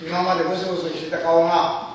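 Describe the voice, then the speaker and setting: An older man telling a story from his working life in formal, polite speech that slips into rough dialect when he quotes people. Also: a little high, little pitch movement, fast talker, background noise. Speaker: storyteller recalling his business days. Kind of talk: formal spoken memoir with acted quotes. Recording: dull, echoey hall from far off.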